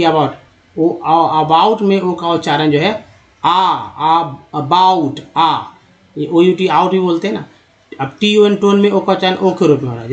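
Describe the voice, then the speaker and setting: Guy teaching reading, kinda high voice, sounds words out slow again n again. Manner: slow, repeats words syllable by syllable; addresses viewers as friends. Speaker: English teacher. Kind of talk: spoken phonics lesson.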